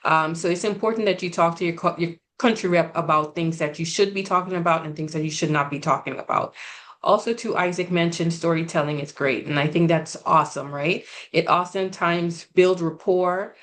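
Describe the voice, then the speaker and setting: Measured woman on a webinar panel. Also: fairly low pitch, steady tone, a bit bright. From Guyana. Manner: earnest, measured, with frequent "um" and "right?". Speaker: regional representative. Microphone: video call.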